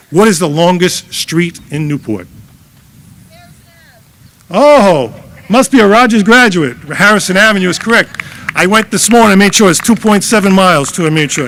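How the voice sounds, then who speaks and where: A man's voice: fairly high pitch, a bit bright, slight background noise. A retired male teacher giving a joking, heartfelt graduation address into a podium microphone outdoors. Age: older.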